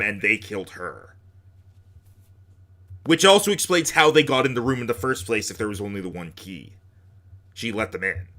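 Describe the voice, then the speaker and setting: A man chatting casually and jokily as he plays a game, in an animated, rambling way. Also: medium pitch. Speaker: gamer playing and reading aloud. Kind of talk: casual gaming chat.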